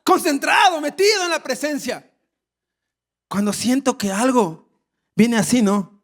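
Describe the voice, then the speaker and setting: A male pastor preaching a sermon, telling a funny story with lively acted shouts. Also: very high voice, measured pace. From Ecuador. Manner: storytelling with humor and animated shouts.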